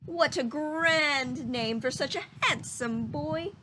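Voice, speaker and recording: A woman's voice: sits high, slow pace, very noisy. A woman voicing a chirpy, helpful little male cricket from a children's storybook. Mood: admiring.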